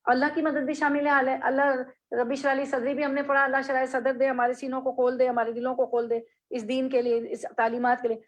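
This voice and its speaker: A woman's voice: high voice, little pitch movement, fast talker, few pauses. Woman teaching, patient and repetitive. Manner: explains Arabic grammar patiently, repeats and drills students. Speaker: Islamic studies teacher. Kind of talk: classroom hadith lesson, reading Arabic then explaining.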